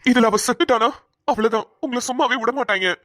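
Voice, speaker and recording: A woman's voice: fairly high pitch, fast, no echo, studio quality, lightly acted. A woman voicing an earnest, protective young male police officer in a cartoon, talking urgently and stammering at times. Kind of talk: cartoon voice acting.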